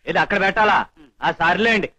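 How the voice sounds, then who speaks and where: A brash, streetwise beggars' boss in an old film comedy, coarse and slangy. He talks fast in a very high, bright voice with a dry close sound. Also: no echo, lo-fi sound. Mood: grumbling. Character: rough beggars' union president, blunt and streetwise.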